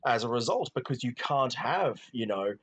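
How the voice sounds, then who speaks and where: A man's voice: mid-range voice, lively intonation, moderate pace, breathy edge, dull audio. A man co-hosting a film podcast, talking casually and rambling, with many restarts and "you know"s. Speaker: podcast co-host. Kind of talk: casual film review chat.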